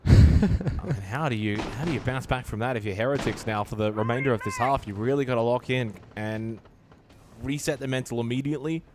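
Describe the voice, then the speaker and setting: A man giving live esports play-by-play commentary, emphatic and excitable in delivery. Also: mid-range voice, fairly quick, background noise. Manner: excitable, emphatic calls in big moments.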